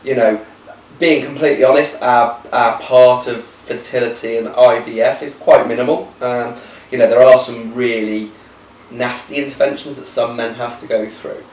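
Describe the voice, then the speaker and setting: A man's voice: medium pitch, steady tone, normal speed, darkish tone. Chatty man in his thirties. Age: 30s. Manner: chatty and teasing, thinks aloud with many fillers. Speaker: co-host. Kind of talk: casual chat. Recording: roomy, distant camera with faint hiss.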